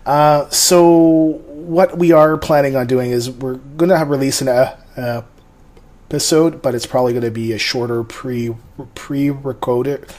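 A man from Canada co-hosting a gaming podcast, announcing the schedule in a relaxed way. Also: medium pitch, unhurried. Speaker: podcast co-host. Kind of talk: casual chat, show announcements.

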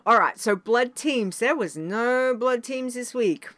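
A woman's voice: fairly high pitch, animated, measured pace, fairly bright tone, no echo. A woman hosting a show in casual chat, often repeating her phrases for emphasis. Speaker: show host.

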